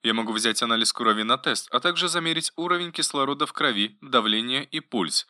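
A man reading an audiobook, voicing a gentle, caring female robot assistant in a pleasant, politely attentive voice. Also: mid-range voice, animated, fairly quick, dry recording, studio quality. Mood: concerned. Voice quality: pleasant, solicitous voice. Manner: softly attentive, politely informative. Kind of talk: audiobook narration.

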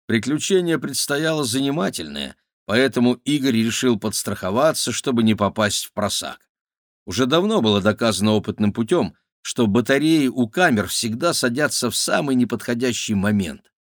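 A man's voice: mid-range voice, expressive, normal speed, no room sound, studio quality. Man narrating a children's adventure book. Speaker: audiobook narrator.

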